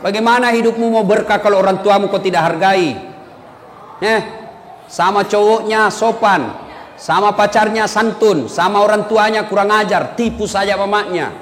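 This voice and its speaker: A man preaching a humorous sermon, lively and joking, acting out the people in his stories. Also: high voice, normal speed. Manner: lively, jokey, acts out quoted dialogue. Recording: echoey hall with faint noise.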